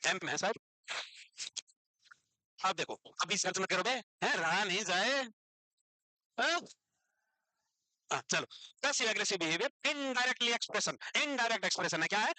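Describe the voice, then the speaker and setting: A man teaching a class, lively and animated, constantly asking his students rhetorical questions. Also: high voice, no echo, rough recording. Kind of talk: lecture to students.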